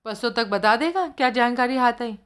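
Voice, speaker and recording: A woman's voice: on the high side, animated, fairly quick, smooth, close to an everyday voice. Woman voicing a dry male private detective.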